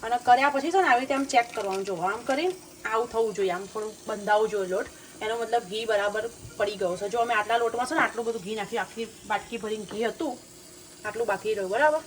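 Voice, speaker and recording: A woman's voice: on the high side, fast, slight background noise. A young woman with a Gujarati accent, chatting casually in her family cooking vlog, calling her viewers "guys" and laughing often. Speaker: family vlogger.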